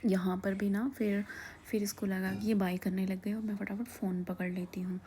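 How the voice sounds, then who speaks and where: Mellow-voiced woman, half-whispered chatter. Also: medium pitch, level tone, normal speed, slight background noise. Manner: often drops to a soft whisper, laughing. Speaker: vlogger. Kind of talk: casual voice-over narration.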